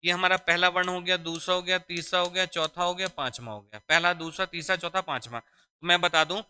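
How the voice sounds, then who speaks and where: A man's voice: high voice, fairly even intonation, fairly quick, bright, forceful tone, clear, resonant tone. A man teaching a Hindi grammar lesson for exam preparation, repeating key phrases and quizzing his students. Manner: addresses students as "beta". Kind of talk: exam-prep classroom lesson.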